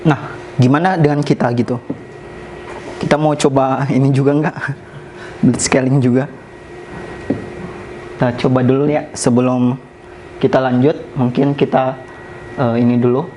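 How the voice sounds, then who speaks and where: A man presenting slides at a company sharing session in a casual, relaxed way, often pausing on "eh" and mixing in English business terms. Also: medium pitch, slight background noise, rough recording.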